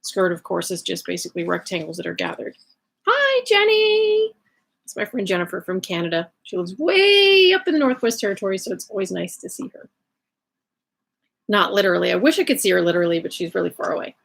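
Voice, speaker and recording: Creaky-voiced Southern American woman, chatty. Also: on the low side, expressive, fast, fairly bright tone. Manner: chatty, rambling asides. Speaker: livestream host sharing sewing resources. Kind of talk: casual explanatory chat to camera. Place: indoors at home, in bed in a bedroom.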